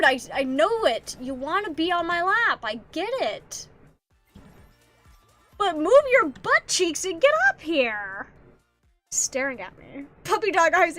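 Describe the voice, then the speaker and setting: A woman streaming a game, chatting casually in a giggly, rambling way and coaxing her cat in a playful voice. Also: high voice. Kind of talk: casual gameplay streaming chat. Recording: faint background music. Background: soft background music.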